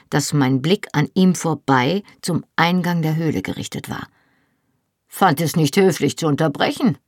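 A reader narrating a novel in the first person with measured storytelling. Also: female voice, extremely low pitch, husky, dry recording, studio quality. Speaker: audiobook narrator.

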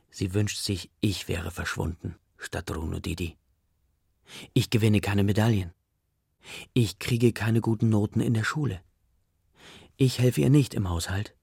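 A man reading a story aloud in the first person, in a quiet, subdued way. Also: lowish voice, no room sound, clean studio sound. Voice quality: gravelly, husky. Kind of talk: audiobook narration.

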